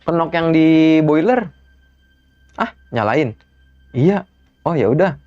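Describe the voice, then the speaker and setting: A young man with a Jakarta colloquial accent, casually telling a ghost story as an interview guest and acting out every voice in it with big jumps in pitch. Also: takes it slowly, no room sound. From Jakarta, Indonesia. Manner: animated, acts out quoted dialogue with sharp pitch jumps. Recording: dull dry recording with faint music.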